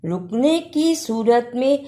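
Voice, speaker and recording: Woman slowly reciting and teaching verses. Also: a little high, animated, dark tone. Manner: chants verses slowly, then explains rules quickly. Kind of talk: slow recitation lesson with spelled-out letter drills.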